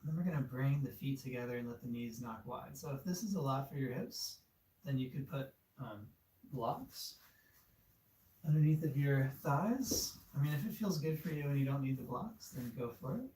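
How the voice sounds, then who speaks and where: Male yoga instructor, mellow and easygoing, cueing poses in an echoey room, heard from a distance. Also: medium pitch, moderate pace, a little hiss or hum. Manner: relaxed, encouraging, with fillers. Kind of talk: guided yoga class instruction. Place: studio room. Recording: echoey room, far from mic.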